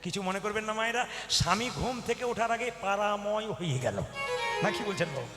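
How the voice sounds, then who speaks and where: High-voiced man preaching a kirtan sermon. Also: fairly quick. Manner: animated, exhorting, rising to loud exclamations. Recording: echoey hall with faint music.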